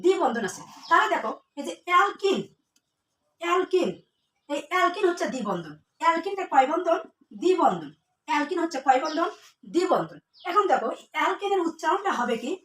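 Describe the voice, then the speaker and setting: Sing-song and fairly quick, this woman's very high, slightly bright voice carries a chemistry lesson in which she asks questions, answers them herself and repeats key terms. It was recorded in an echoey room with the mic at a distance.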